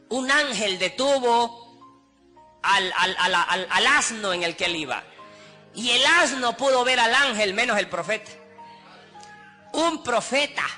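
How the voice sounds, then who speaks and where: A man's voice: extremely high pitch, pushed and bright. A man with a Honduran Spanish accent preaching a sermon with passion, acting out pleading voices through repetition. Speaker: pastor.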